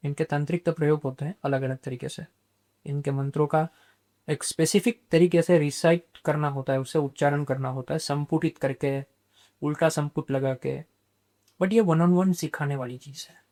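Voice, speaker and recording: A man, a guest on a podcast, explaining spiritual practice in a measured way and dropping English terms into his talk. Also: fairly high pitch, fairly even intonation, a little mellow.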